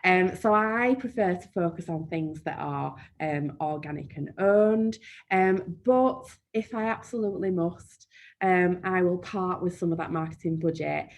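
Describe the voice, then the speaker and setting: Chatty Yorkshire woman with a low voice. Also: unhurried, slight background noise. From Yorkshire, England. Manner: chatty, frequent "um" fillers, down-to-earth. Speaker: marketing trainer. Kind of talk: live webinar presentation with Q&A.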